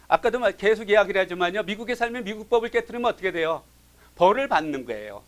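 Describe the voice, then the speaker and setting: A man with a high voice teaches a Bible study class in an animated style. He swings from loud emphasis to hushed asides and acts out the voices he quotes.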